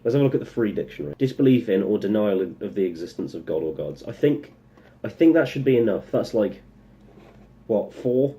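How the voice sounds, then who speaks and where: A man's voice: on the low side, expressive, fast, mellow, a little hiss or hum. Rambling sarcastic young man. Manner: rambling, sarcastic, full of self-interrupting asides. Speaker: vlogger. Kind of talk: casual opinion monologue.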